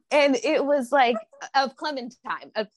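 A woman from Oklahoma, a guest on a casual podcast chat, telling stories with lively acted-out quotes. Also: high-pitched, slow, a little hiss or hum. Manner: animated storyteller, acts out quotes.

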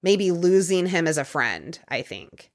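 A woman hosting a podcast, casually recounting a true-crime case with quick conversational asides. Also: on the low side, very animated. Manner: conversational, quick asides, occasional put-on quotes. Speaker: podcast host telling a case.

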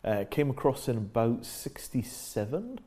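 A middle-aged British man speaking as an interview guest. He talks reflectively and acts out the reactions he quotes with sudden lively jumps in pitch. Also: unhurried, slightly rough. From Britain. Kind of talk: casual conversational interview.

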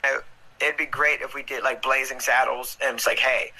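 A man's voice: mid-range voice, steady tone, moderate pace, sharp tone, poor audio. A man hosting a livestream over a video call, bantering casually with jokes and profanity. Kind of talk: casual chat.

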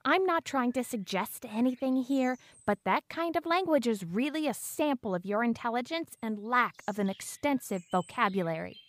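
Lightly acted and smug yet menacing, a woman plays a fourteen-year-old girl who is pompous and coldly threatening, speaking in a wordy, overly formal, condescending manner. It's audio drama acting, delivered at normal speed with a fairly high pitch, lively intonation and few pauses.

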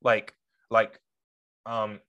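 A man's voice: lowish voice, monotone, very slow, pushed and bright, dull audio. A young man co-hosting a casual podcast, rambling and gushing with frequent laughs. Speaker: podcast co-host.

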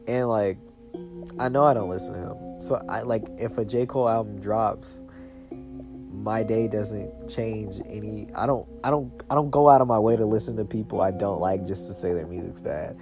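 A man's voice: fairly low pitch, normal speed. A young man chatting casually as a solo podcast host, in loose, slangy bro talk. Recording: music playing behind the voice.

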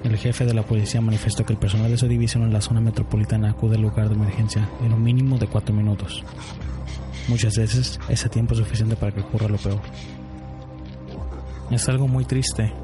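Low flat guy narrating a grim true story, music underneath. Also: brisk. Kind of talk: scripted narration. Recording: music bed behind voice.

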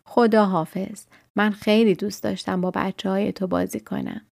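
A woman voicing a gentle tiger who wants to be a cat. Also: medium pitch, steady tone, creaky, no echo, studio quality, close to an everyday voice. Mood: pleading.

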